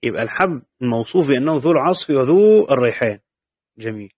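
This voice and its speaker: This classroom lecture on Quran commentary comes from a man with an Egyptian Arabic accent whose medium-pitched voice is animated, quick, and somewhat dark in tone. He patiently raises his own questions, answers them, and repeats the key points. The recording is dry and of studio quality.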